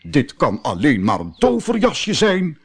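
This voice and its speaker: A man voicing an excitable, absent-minded old male professor in a storybook, exclaiming in a raised voice. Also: unhurried, faint music behind, heavily acted. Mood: eager. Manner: high, exclaiming, breathless wonder.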